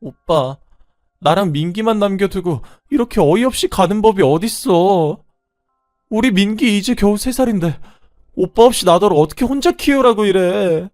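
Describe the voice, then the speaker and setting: A man voicing a brazen young woman, the mistress of a dead man, in a shrill, shameless tone. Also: animated, normal speed, a little mellow, dry recording, studio quality, soft background music. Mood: wailing.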